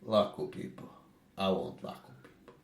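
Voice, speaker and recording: Man, lowish voice, casual podcast chat, agreeable, wry, roomy echo. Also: steady tone, normal speed, creaky. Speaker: podcast co-host.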